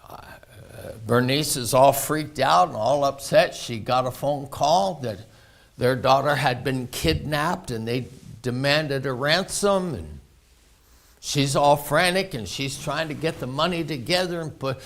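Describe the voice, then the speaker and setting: Pastor, male, slow and gravelly, folksy storytelling sermon delivery. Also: medium pitch. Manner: folksy, anecdotal, laughs often.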